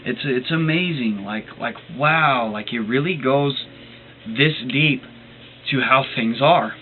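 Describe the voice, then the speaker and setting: A man's voice: medium pitch, slow pace. Hesitant man on a tinny phone-like line. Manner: hesitant, with many fillers and restarts; earnest and enthusiastic about the subject. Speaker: reader explaining a book. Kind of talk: reading aloud with spoken commentary. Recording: tinny phone-like recording with faint noise.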